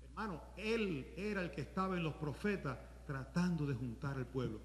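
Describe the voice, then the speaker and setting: A man pastor preaching a sermon in a conversational way, at times rising to shouts. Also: fairly high pitch, moderate pace, roomy sound, big-room sound, a little hiss or hum.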